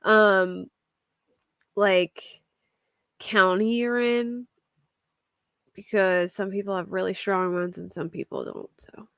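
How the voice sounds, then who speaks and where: A young Philadelphia-area woman with a matching accent hosts a true crime livestream, reading a crime story casually, answering chat and laughing often. Her medium-pitched voice is gravelly yet smooth and fairly bright, with a flat delivery, slow pace and long pauses. There's no echo.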